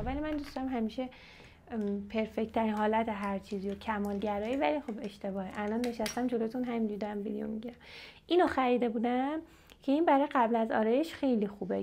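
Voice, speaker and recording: A young woman from Iran chatting casually to viewers while testing makeup. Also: on the high side. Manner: chatty, animated, addresses viewers directly. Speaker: beauty vlogger. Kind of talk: casual makeup unboxing chat. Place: at home, seated in front of camera.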